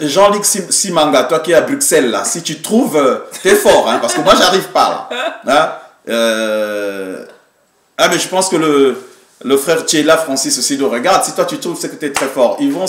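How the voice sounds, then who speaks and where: A man's voice: mid-range voice, sing-song, normal speed, a bit bright. Exclamatory middle-aged man in an echoey room. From Congo-Brazzaville. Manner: exclamatory, repeats words and phrases. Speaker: father guessing slang words on a family video. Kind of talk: casual family quiz chat. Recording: echoey room, slight background noise.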